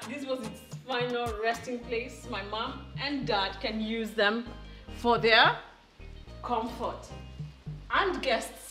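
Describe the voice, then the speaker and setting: A woman's voice: a little high, sharp tone. A woman presenting a home makeover reveal in a gushing, delighted, admiring way. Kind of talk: makeover reveal vlog narration. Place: indoors in a house, walking between rooms. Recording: roomy echo, distant mic, background music. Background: music.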